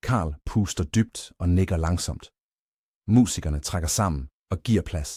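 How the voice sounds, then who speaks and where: Deep, dark-voiced man narrating a bedtime story. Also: no echo, clean studio sound. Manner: soft, even and clearly pronounced.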